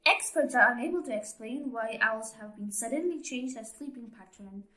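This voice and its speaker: A woman voicing a formal male TV newsreader in a storybook reading, with a bright, fairly high voice. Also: moderate pace, low-quality recording. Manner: formal news-bulletin delivery.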